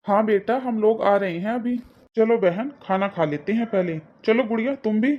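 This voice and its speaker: A woman voicing a kindly middle-aged father in a cartoon, soft-spoken and affectionate. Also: mid-range voice, moderate pace, muffled recording, lightly acted. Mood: warm. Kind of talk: cartoon voice acting.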